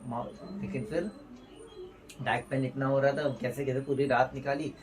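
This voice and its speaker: A man's voice: mid-range voice, steady tone, normal speed. A young man, a vlogger and new father, telling a personal story in a heartfelt, rambling way with restarts. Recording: distant mic with faint ambient noise.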